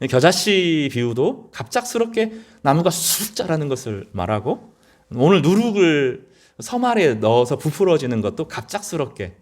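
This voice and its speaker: Earnest, animated male pastor preaching. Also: mid-range voice. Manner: earnest, conversational preaching with rising emphatic peaks. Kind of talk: sermon.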